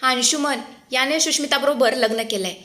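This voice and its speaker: A woman voicing an old grandmother who speaks bluntly and loudly. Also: high voice, brisk. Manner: blunt, loud.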